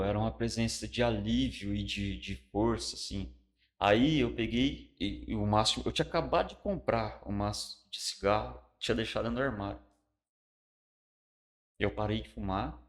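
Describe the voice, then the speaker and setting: Man, middle-aged, Brazilian Portuguese accent, low voice, pastor guest, colloquial animated testimony. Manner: colloquial, animated storytelling, drops to a hush for solemn parts. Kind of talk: personal testimony in casual conversation.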